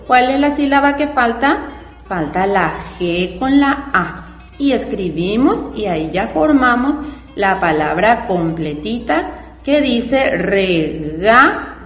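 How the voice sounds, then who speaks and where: This reading and spelling lesson for children is taught by a woman whose mid-range voice swings widely in pitch at a slow pace. She patiently breaks words into syllables and asks the class simple questions, recorded in an echoey room with long reverb and faint music.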